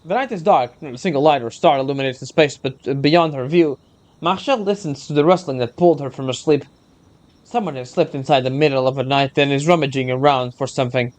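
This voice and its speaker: Halting higher-voiced man reading a story. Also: darkish tone. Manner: halting, stumbles over words. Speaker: reader of a game's story. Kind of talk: reading game story aloud, voicing dialogue. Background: music.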